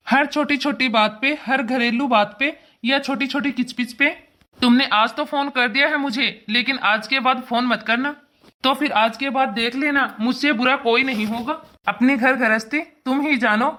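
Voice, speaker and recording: In a cartoon family drama, a woman voices an indignant, protective father who lectures emphatically and scolds repetitively. Her voice is high-pitched with a sharp tone.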